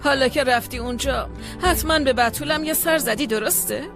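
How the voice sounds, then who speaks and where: Casting: a needling mother, fairly high voice, clear music behind. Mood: teasing. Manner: teasing. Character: teasing mother needling her son at dinner. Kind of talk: dubbed TV drama.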